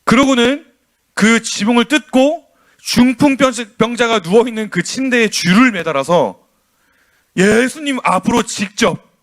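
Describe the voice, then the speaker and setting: A man preaching a sermon to children, telling the story in an animated way and asking the kids questions. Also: extremely high pitch. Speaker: children's pastor.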